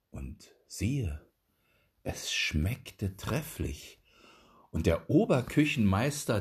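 Slow expressive male storyteller. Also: on the low side, husky. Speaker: audiobook reader. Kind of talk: fairy-tale narration.

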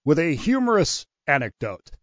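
A man's voice: fairly high pitch, very animated, moderate pace, dry recording, highs cut off. A man telling stories and explaining history as a guest on a talk radio show. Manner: storytelling, explanatory.

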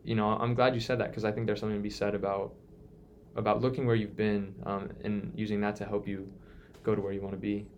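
A young man in his twenties with a fairly low voice talks in an earnest, reflective way, stopping and restarting as he thinks. A faint hiss of noise sits under the recording. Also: flat delivery, quick pace, dull audio. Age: 20s. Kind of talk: casual conversation.

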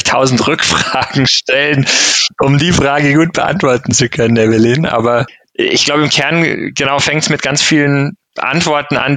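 A marketing director, a man with a gravelly, medium-pitched and slightly bright voice, answers questions as an interview guest in a conversational way. He sounds thoughtful but hesitant, using fillers and slipping in English business terms. The recording has no room sound.

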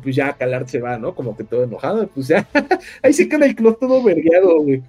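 A man's voice: fairly high pitch, sing-song, brisk, dark tone, breathy edge, soft background music. A man with a Mexican accent casually retelling a story in slangy, sweary speech, acting out the characters' dialogue as he goes. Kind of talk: casual, animated story recap with acted-out dialogue.

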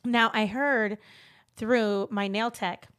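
Lively animated woman co-host chatting. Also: fairly high pitch, slow. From Los Angeles. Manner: animated, mimics accents, laughs often. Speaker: podcast co-host. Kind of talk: casual chat.

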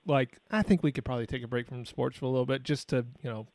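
A man in his thirties hosts a casual podcast interview, rambling and often tripping over and repeating his words. His voice sits at an ordinary middle pitch for a man. It is recorded close and dry, with no room echo. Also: fast, a little mellow. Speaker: podcast host.

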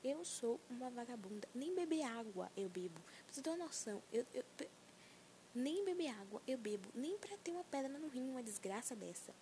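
A woman's voice: a little high, sing-song, brisk, warm tone, slight background noise. A young woman of nineteen hosting a solo podcast, ranting in a self-mocking, profane and rambling way, anxious. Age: young adult. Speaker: podcast host.

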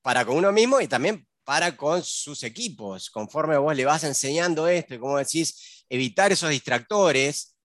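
A Uruguayan man with a Uruguayan Spanish accent chats casually as a guest in an interview, working as a business consultant. His voice is a little high, with lively intonation and a moderate pace, and he peppers his talk with fillers and tag questions. The studio-quality recording has no echo.

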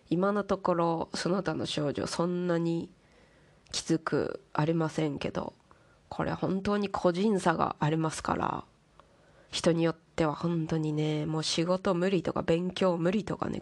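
A woman host chatting casually in a monologue, playfully putting on ornate, polite refined-lady speech. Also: deep voice. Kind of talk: casual monologue talk to listeners.

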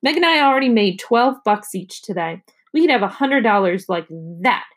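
A woman's voice: fairly high pitch, lively intonation, normal speed. A stubborn little girl who answers back with smug, sassy retorts, as a woman reading a storybook puts her on. She sounds sure she will win. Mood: defiant.

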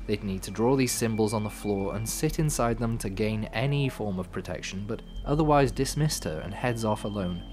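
A man hosting a podcast with scripted storytelling narration, in measured, dramatic phrasing with dry asides. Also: fairly low pitch. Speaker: podcast host. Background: music.

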